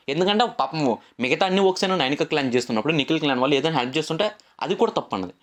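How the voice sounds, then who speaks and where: A young man giving a casual, opinionated reality show review, repeating himself and mixing in English words. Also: fairly high pitch. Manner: rapid, repetitive, mixes English words, argumentative.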